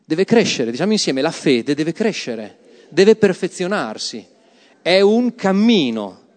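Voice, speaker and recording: Brief: male preacher, emphatic, slightly high voice, church hall with long echo. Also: very animated, measured pace, a little mellow. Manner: emphatic, calls the congregation to repeat words. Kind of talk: sermon with Bible reading.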